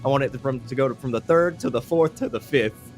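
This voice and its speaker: A man commentating a fighting game tournament, jokey and quick to laugh. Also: medium pitch, faint music behind. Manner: laughs often, jokey and excitable. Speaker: esports commentator.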